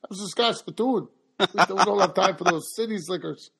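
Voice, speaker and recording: A man's voice: high voice, a little fast, creaky, fairly bright tone, husky, exaggerated voice. A man doing an exaggerated Canadian accent as a folksy, joking hoser who says "eh" and "bud". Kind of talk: comic bit on a podcast.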